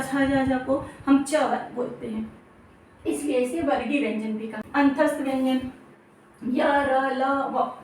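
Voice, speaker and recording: A woman with a high, slightly mellow voice teaches an exam-prep grammar lesson, repeating each term and checking in with listeners by saying "theek hai." She sounds distant from the mic in a very echoey room, with faint hiss underneath.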